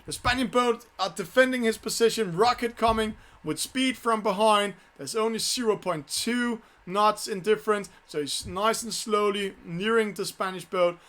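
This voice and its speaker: High-voiced man calling a sailing race. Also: fairly bright tone. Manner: halting, self-correcting phrasing. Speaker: esports sailing race commentator and host. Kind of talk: live race commentary. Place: studio.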